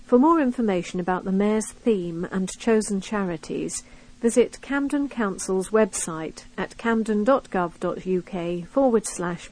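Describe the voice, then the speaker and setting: A woman's voice: medium pitch, a little mellow, poor audio. A British woman reading magazine news articles aloud as scripted narration for a recording. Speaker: reader of a recorded local magazine.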